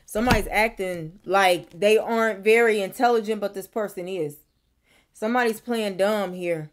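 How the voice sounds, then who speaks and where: A woman's voice: mid-range voice, moderate pace. A young woman giving a casual tarot reading to camera in her bedroom, musing and repeating herself as she thinks aloud. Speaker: tarot reader. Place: bedroom, indoors.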